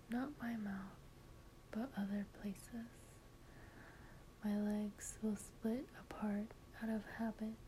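A woman's voice: medium pitch, warm tone, slight background noise, low-quality recording. A woman in an intimate whispered role-play, speaking tenderly and breathily as a partner reading poetry to someone lying in her lap.

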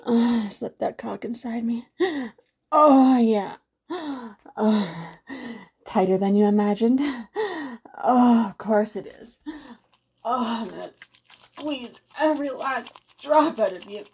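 A woman playing a breathy, teasing stepmother. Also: on the high side, a little mellow, full character voice. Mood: passionate. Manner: slow, teasing, sultry delivery. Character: teasing, domineering superpowered stepmother. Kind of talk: intimate adult audio roleplay.

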